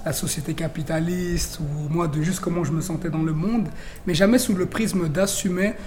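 A man's voice: a little high, steady tone, moderate pace, darkish tone, a little hiss or hum. A young man from Belgium, a rapper guest in a radio interview, talking chattily with many fillers and restarts.

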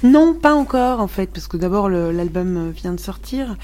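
A woman's voice: medium pitch, expressive, moderate pace, a little mellow, a little hiss or hum. A woman from Morocco, speaking frankly as a musician guest in a radio interview, with many restarts and fillers.

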